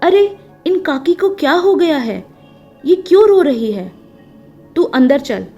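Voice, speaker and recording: A woman voicing a middle-aged village mother who hides her grief, talking in a hushed, hesitant and evasive way. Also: high-pitched, big pitch swings, takes it slowly, lo-fi sound, faint music behind, voice pushed up, exaggerated voice. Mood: urgent.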